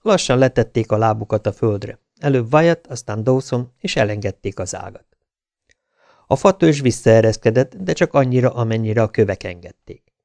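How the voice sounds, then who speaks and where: A man reading an audiobook aloud with an even, dramatic storytelling manner. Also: mid-range voice, vocal fry, dry recording. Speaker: audiobook narrator. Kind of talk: scripted audiobook narration.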